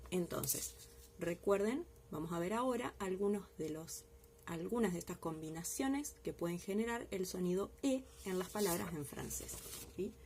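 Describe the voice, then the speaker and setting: Patient woman teacher, mellow voice. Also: lowish voice, expressive, moderate pace, a little hiss or hum. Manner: patient, explains step by step and checks in with the class. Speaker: French teacher. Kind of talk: recorded language lesson.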